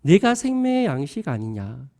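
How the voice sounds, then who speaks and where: A man acting out a gentle, insistent male teacher who keeps pressing the same question, in a high, animated voice. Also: normal speed. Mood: urging. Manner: earnest, repeated questioning.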